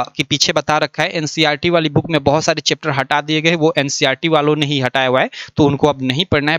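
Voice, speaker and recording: Man teaching a syllabus, slightly high voice. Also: a bit bright, no room sound. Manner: explains patiently, repeats "yahan pe dekho". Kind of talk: screen-share lesson.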